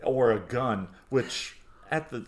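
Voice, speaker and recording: A man's voice: medium pitch, animated, slow. A man in his forties co-hosting a podcast, chatting casually and nostalgically with frequent restarts. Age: 40s. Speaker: podcast co-host. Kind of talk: casual chat.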